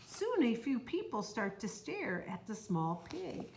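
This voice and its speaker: A woman reading a children's picture book aloud in a slow, even, clear storytelling manner. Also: fairly high pitch. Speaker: storybook reader. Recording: roomy echo, faint noise.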